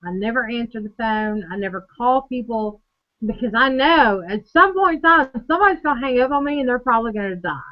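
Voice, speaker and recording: High-pitched woman co-host, profane and animated, casual boozy chat, dull lo-fi sound. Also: brisk. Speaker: podcast co-host. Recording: dull lo-fi recording.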